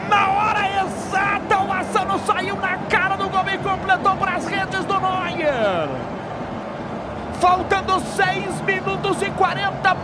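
A Brazilian man commentating a football match, shouting dramatically with drawn-out phrases. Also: extremely high pitch. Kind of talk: excited radio-style football play-by-play commentary. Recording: loud crowd roar and noisy broadcast.

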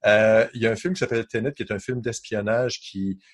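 A man's voice: fairly low pitch, fairly even intonation, brisk. A man with a Quebec French accent explaining gadgets and films in casual radio chat, enthusiastic and full of fillers.

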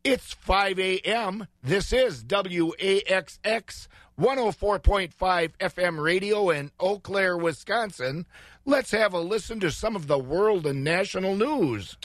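A man's voice: sits high, lively intonation, a little slow, a bit bright, no echo, studio quality. An American man hosting morning radio, chatting casually through the local weather in a folksy way.

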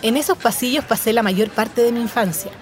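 A young Chilean woman with a Chilean accent, calmly narrating her own life story in a scripted, reflective way. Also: fairly high pitch, fairly quick, some chatter behind. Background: music under the voice.

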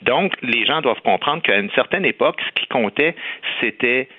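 A man's voice: mid-range voice, animated, moderate pace, dry recording. Emphatic man on a tinny phone line. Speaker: radio columnist. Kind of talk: opinion commentary on radio.

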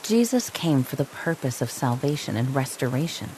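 Soft, slow-spoken woman guiding meditation. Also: a bass voice, slight background noise, low-quality recording. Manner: slow, soft and calming, with long pauses. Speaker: meditation guide.

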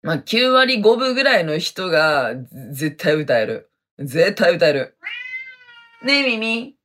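A woman's voice: fairly low pitch, sing-song, unhurried, a bit bright. A woman hosting a podcast in a casual solo chat, reading listener messages, laughing often and breaking into little sung jingles. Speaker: podcast host.

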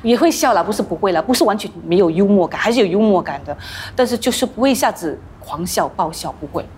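A woman actress, the guest in a podcast interview, telling stories with animated acted-out voices. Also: medium pitch, quick pace, slight background noise. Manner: animated storytelling, acts out quoted voices.

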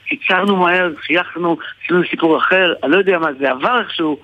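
A man with an Israeli accent tells an anecdote casually, haltingly, repeating and restarting his phrases. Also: high-pitched. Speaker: guest, stage performer. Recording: muffled radio or phone-like sound, dry.

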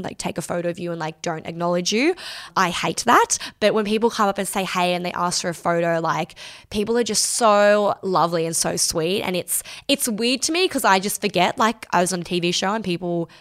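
A woman's voice: mid-range voice, fairly bright tone. A young woman in her twenties hosting a solo Q&A podcast, chatting casually and using "like" a lot. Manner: chatty, filler-heavy with lots of "like". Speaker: podcast host.

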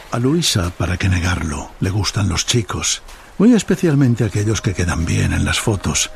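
An actor as a wry film narrator, a man from telling the story in measured scripted lines. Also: deep voice, sing-song, creaky, a little hiss or hum, heavily acted.

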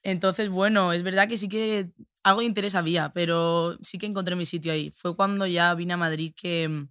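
A woman's voice: lowish voice, steady tone, normal speed, a bit bright, clean tone, no echo, clean studio sound. A young woman with a Sevillian accent, a podcast guest talking in a reflective, casual way with lots of fillers and tag questions. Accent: Sevillian Spanish. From Spain.

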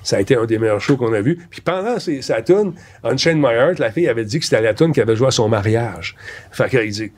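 A middle-aged man with a Québécois French accent tells his stories with energy, slipping into quoted voices and English lines. His voice has a husky, slightly breathy edge. He sounds like an old music-TV host reminiscing across the table. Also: mid-range voice, quick pace. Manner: lively anecdote-teller, acts out voices and mixes in English quotes. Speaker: former VJ, guest. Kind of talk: animated storytelling in conversation.

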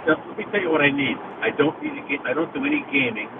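A man's voice: fairly high pitch, big pitch swings, rapid-fire, gravelly. A man calling a radio show from a hands-free car phone, his voice hollow with a cave-like echo, chatty and plainspoken. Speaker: radio call-in caller. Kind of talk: casual call-in chat. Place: inside a car being driven. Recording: tinny car phone line with road noise.

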